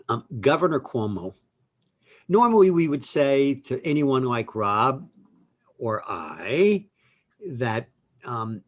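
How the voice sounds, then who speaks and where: A man co-hosting a talk show, laying out arguments in a measured way and rising with emphasis on key points. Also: medium pitch. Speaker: co-host, lawyer. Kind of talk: opinionated talk show discussion.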